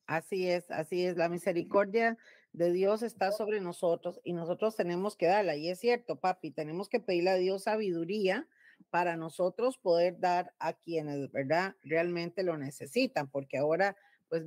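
A woman's voice: on the low side, moderate pace, darkish tone, dry recording, studio quality. A middle-aged woman pastor with a Costa Rican accent, preaching emphatically at home. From Costa Rica. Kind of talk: home Bible teaching sermon.

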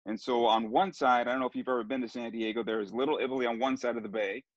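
A middle-aged man from Southern California, a sports broadcaster guest, tells his story in a casual interview, rambling with many restarts and fillers. His mid-range voice is steady in tone and fast. The recording is close and dry, slightly dull and muffled.

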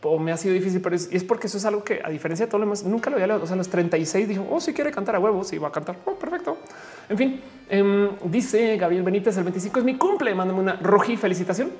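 A woman's voice: medium pitch, darkish tone. Chatty Mexican woman reading comments. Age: 40s. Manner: chatty, reads comments aloud, laughs often. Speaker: streamer answering chat. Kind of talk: casual live chat.

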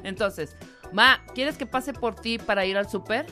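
A Mexican woman co-hosts a radio chat with a high, bright voice. She tells stories with wide leaps of pitch and frequent laughs. Faint music sits behind her. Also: measured pace. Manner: animated storyteller, laughs often. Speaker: radio co-host.

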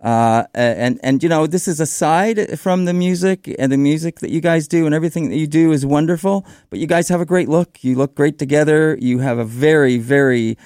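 A man hosting a conversational radio interview in a smooth voice, feeling his way through his phrases. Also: on the high side, a little fast, few pauses, darkish tone, no echo, clean studio sound.

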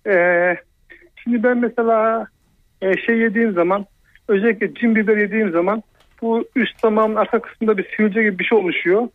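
A man's voice: high-pitched, steady tone, brisk, no room sound. A man in his thirties calling in to a radio show over a landline phone, asking a question with many hesitant fillers. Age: 30s. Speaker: caller. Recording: tinny phone line.

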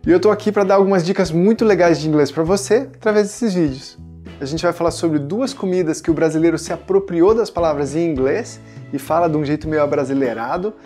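A man's voice: on the high side, a little mellow. A man in his thirties from Brazil, an English teacher giving a casual pronunciation lesson and coaching viewers to repeat words after him.

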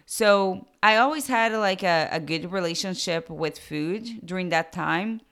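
On her podcast, a young woman whose first language is Portuguese shares her life story in a Brazilian accent, moving slowly and hesitantly with many filler words. Her voice is on the low side and a little bright.

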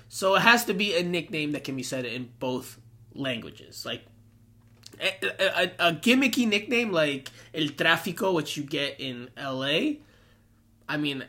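A man's voice: mid-range voice, pushed and bright. A man hosting a sports podcast in a chatty way, talking with a swollen cheek after having wisdom teeth out. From Peruvian American. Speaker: podcast host.

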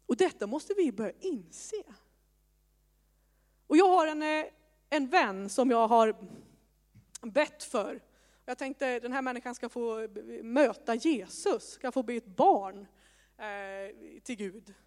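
A woman's voice: a little high, darkish tone. A woman in her thirties preaching a sermon with personal testimony, in a conversational way with self-mocking asides. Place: church hall with congregation. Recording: long hall reverb.

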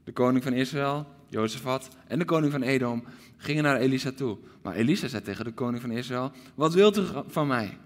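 A man preaching a livestreamed sermon, emphatic, swinging from loud exclamations to hushed asides. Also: medium pitch, fast talker, big-room sound.

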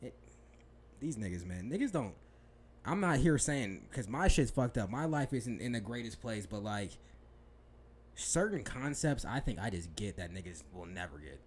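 A man's voice: lowish voice, very animated, normal speed, a little hiss or hum. A young man in casual sports talk, ranting heatedly with profanity and laughing at himself. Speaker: podcast co-host.

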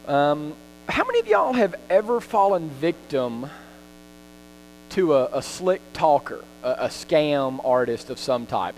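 A man preaching a sermon in a conversational, folksy way, with frequent ums and restarts, recorded in a church. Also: a little high. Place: church sanctuary. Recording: reverberant hall with mains hum.

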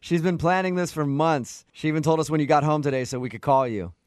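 A man's voice: fairly high pitch, fast, smooth, no room sound, clean studio sound. A male radio host making a prank phone call, playing it straight, pretending not to understand and stifling laughs. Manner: deadpan, feigning confusion, stifled laughter.

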